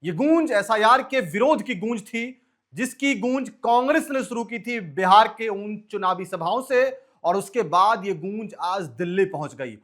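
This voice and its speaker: A man's voice: sits high, animated, normal speed, a bit bright. A man reading scripted news narration as a presenter. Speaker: news presenter introducing a speech clip.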